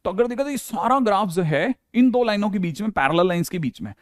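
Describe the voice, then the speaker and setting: A man's voice: sits high, animated, fast talker, dry recording, clean studio sound. A male maths teacher giving a casual board lecture, often checking in with the class and acting out the students' questions. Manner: chatty, repeats "ठीक है" often, acts out students' questions.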